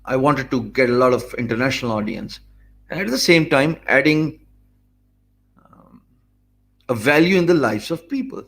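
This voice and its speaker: This is an online business coach, a Pakistani man for whom English isn't a first language, recording a talking-head lesson in a small home office. His medium-pitched voice is expressive and slightly bright, and his earnest, measured delivery is peppered with "uh" and false starts as he gestures. He's captured by a webcam with a stand mic close in front.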